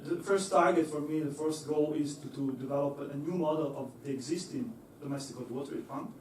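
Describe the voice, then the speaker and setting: In an echoey lecture hall, a young engineer talks to the audience from a distance, slight background noise behind him. His voice is fairly high and a little mellow, a little fast. He's hesitant, restarts often, uses many fillers, and is quick to laugh.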